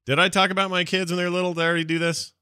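Bright-voiced, rambling male podcast host. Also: high-pitched, racing, smooth, no echo, studio quality. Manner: rambling, animated storyteller who puts on voices. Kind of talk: casual chat.

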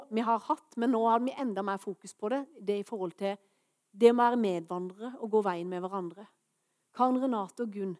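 High-voiced fervent woman preacher. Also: a little mellow. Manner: earnest, building to fervent proclamation. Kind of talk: sermon.

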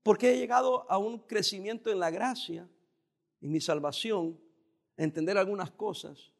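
A male pastor preaching a sermon in a calm, conversational way, with occasional emphatic rises. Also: high voice, normal speed, gravelly.

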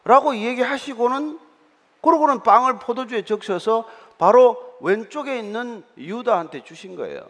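A man's voice: extremely high pitch, animated, moderate pace, fairly bright tone. A man preaching a sermon as pastor, explaining scripture in a conversational way with frequent hesitant fillers. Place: church sanctuary. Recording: reverberant church hall.

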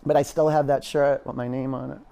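A man's voice: medium pitch, little pitch movement, brisk, vocal fry, dark tone. A man teaching a live yoga class as the instructor, giving short imperative commands and counts.

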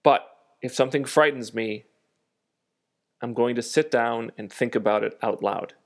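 Pausing frequently, a male podcast host with a nasal, mid-range voice reflects out loud on his solo podcast, often poking fun at himself.

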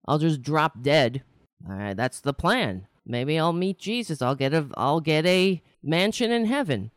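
A New York City woman who hosts a political talk show speaks casually on her livestream before launching into an exasperated, sarcastic rant. Her voice is deep, expressive, and a little slow, captured in clean studio sound without echo.

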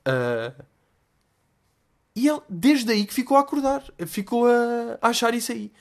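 A young adult man with a European Portuguese accent, telling stories as a podcast host in a slangy, animated way that gets louder when he is excited. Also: very high voice, a little slow. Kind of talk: casual storytelling monologue.

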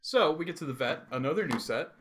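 A man's voice: fairly high pitch, expressive, fairly bright tone. Laughing, rambling Canadian man. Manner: joking, quick to laugh, loose and rambling. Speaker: podcast co-host. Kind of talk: casual chat recapping a show.

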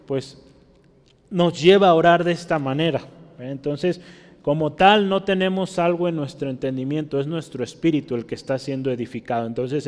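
A man's voice: fairly high pitch, darkish tone. A man teaching a sermon as a pastor, explaining scripture in a didactic way and checking with his listeners through constant tag questions. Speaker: pastor teaching a Bible study. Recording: long hall reverb.

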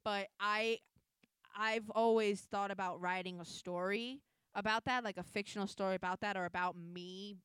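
A woman's voice: mid-range voice, steady tone, moderate pace, fairly bright tone, clear, resonant tone, dry recording. A young woman in casual chat, rambling and restarting her sentences, swearing now and then.

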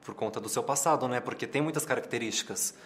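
A man's voice: medium pitch, fairly bright tone, slight background noise. A man hosting an interview, chatty and stumbling over his questions. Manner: quick, chatty, hesitant restarts. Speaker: interview host. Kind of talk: casual interview chat.

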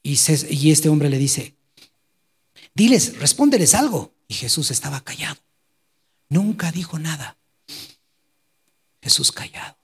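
Male pastor, high voice, dramatic sermon delivery, long church-hall reverb. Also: unhurried, pauses often, breathy edge. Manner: dramatic, swinging between loud exclamations and quiet storytelling.

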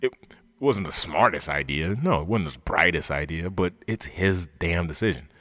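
A man's voice: low-pitched, expressive, normal speed, fairly bright tone, no echo, clean studio sound. A man hosting a sports podcast, ranting with passion and swearing freely as he argues his point. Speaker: podcast host. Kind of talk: heated sports talk rant. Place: basement studio.

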